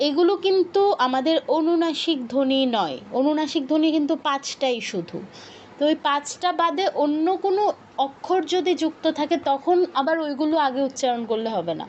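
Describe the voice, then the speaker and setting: High-voiced woman teaching patiently. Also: a little mellow, highs cut off, a little hiss or hum. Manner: patient, repeats points and asks students to check. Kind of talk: online workshop lesson.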